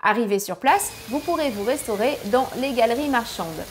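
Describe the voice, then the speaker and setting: A woman's voice: a little high, expressive, moderate pace, slight background noise. A woman narrating a family travel guide with practical tips, now and then apologizing for her English pronunciation.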